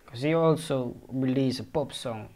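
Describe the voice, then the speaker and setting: Mellow, rambling music reaction streamer. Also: mid-range voice, normal speed. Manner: rambling, profane, thinking aloud and unsure. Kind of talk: casual reaction commentary.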